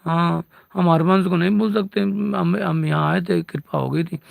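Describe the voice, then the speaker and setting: A man's voice: high-pitched, steady tone, measured pace, vocal fry, dry recording. A man in playful, rambling devotional chat who keeps calling himself "we". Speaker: devotional speaker.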